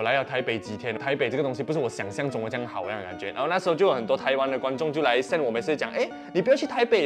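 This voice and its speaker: A young Malaysian man with a Malaysian Mandarin accent, telling a casual story, animated and often asking "you know?". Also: on the high side. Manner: animated, peppered with "OK" and "你懂吗". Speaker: vlogger.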